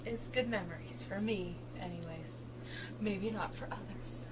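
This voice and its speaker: A woman from Boston with a Boston accent, co-hosting a casual chat, playful and quick to laugh, dropping into soft asides. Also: mid-range voice, noisy background. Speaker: co-host of a book channel.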